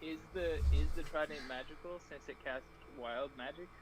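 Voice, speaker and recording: Tabletop player, man, slightly high voice, casual and hesitant, chatter behind him. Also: normal speed, low-quality recording.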